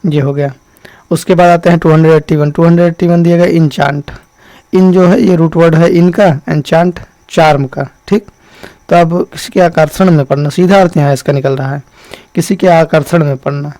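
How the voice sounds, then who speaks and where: A man's voice: on the high side, fairly even intonation, dark tone, dry recording. Man teaching vocabulary in a dry close voice. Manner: explains step by step, keeps saying "ṭhīk" to check in; reads English definitions slowly and carefully. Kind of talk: exam-prep vocabulary lesson.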